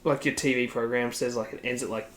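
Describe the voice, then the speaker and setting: A man's voice: mid-range voice, fairly even intonation, quick pace. An Australian man co-hosting a podcast, chatting casually about sports in a rambling way, laughing often and saying "like" a lot. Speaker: podcast co-host.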